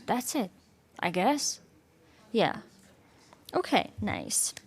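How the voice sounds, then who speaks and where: A woman's voice: medium pitch, expressive, very slow, slightly rough. A woman from Ukraine with a Ukrainian accent, giving an informal talk to an audience, hesitant and searching for words. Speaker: guest speaker. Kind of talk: informal presentation with audience quiz.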